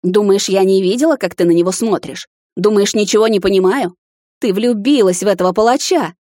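A woman's voice: medium pitch, brisk, mellow, dry recording, clean studio sound, close to an everyday voice. A woman voicing a furious, imperious middle-aged witch mother in an audiobook, harsh and scolding. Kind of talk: audiobook character voice.

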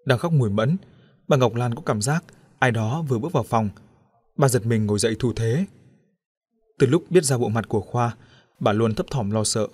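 A man narrating a story aloud in a steady, expressive voice. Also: mid-range voice, normal speed, pauses often, breathy edge, dry recording, studio quality. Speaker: audiobook narrator.

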